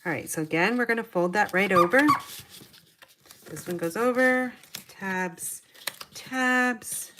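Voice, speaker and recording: A woman's voice: medium pitch, expressive, moderate pace, long pauses, noisy background. A middle-aged woman chatting her way through a paper craft tutorial, talking to herself as she works. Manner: chatty, talks to herself while working. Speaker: papercraft demonstrator.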